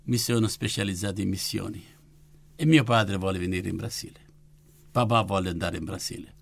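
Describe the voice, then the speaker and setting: Gravelly older Italian-born missionary man. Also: sits low, a little fast. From Italy. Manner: lively storyteller, fervent and emotional. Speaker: missionary and orphanage founder. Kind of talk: personal faith testimony.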